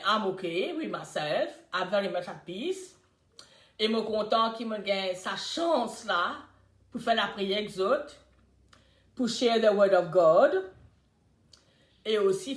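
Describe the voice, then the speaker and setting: An older woman with a Mauritian accent hosts a casual live chat, telling stories in a lively way and swinging between loud and soft talk. Her voice is medium-pitched, and the recording has a roomy echo.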